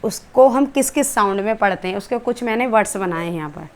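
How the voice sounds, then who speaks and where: A crowd murmurs behind this fast-talking woman, whose medium-pitched voice is full of expression. She's an English teacher with an Indian accent, breaking down letter sounds step by step in a classroom-like lesson and asking rhetorical questions as she goes.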